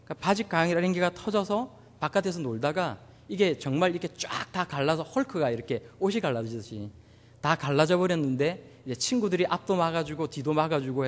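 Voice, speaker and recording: A male pastor from Busan with a Gyeongsang accent delivers a sermon. He tells humorous anecdotes in a fairly high, animated voice. The sound carries a long church-hall reverb. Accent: Gyeongsang Korean.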